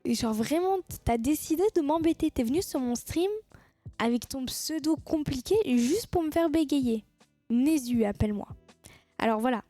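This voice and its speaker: A woman's voice: sits high, warm tone, no room sound. A woman chatting casually with her viewers on a live stream, teasing them and laughing at her own jokes.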